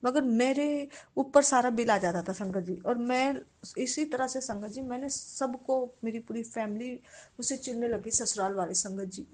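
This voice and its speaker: A woman's voice: a little high, a little mellow. A woman sharing a devotional testimony, addressing the congregation respectfully in nearly every sentence.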